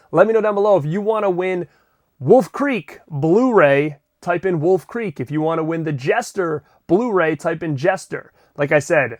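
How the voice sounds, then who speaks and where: A middle-aged man hosting a casual unboxing vlog, chatty and excitable, swearing now and then. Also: on the high side, dry recording. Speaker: collector vlogger and host.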